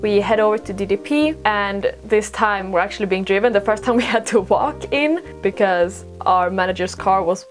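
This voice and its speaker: A young native Swedish speaker from Sweden, a podcast host and vlogger, tells stories casually to camera in a mid-range voice at normal speed with hardly any pauses. She's informal and self-deprecating, wandering into rambling asides, with faint music behind her.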